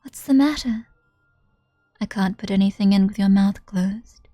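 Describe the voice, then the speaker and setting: Brief: woman voicing a cruel sneering young tormentor, mellow dry read. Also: medium pitch, measured pace, dry recording, natural voice. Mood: gleeful. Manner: taunting, sneering, laughing. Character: cruel mocking young woman, gleefully sadistic. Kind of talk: reading a visual novel aloud.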